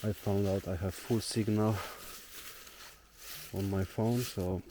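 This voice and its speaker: A young man with a Slovenian accent and a low, deep voice chats in a relaxed, rambling way as he hikes alone. He is recorded outdoors in a forest. Clear outdoor nature ambience sits behind his voice. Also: slow pace, background noise. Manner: relaxed, thinking aloud while hiking. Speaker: solo traveler vlogger. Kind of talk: casual walking vlog.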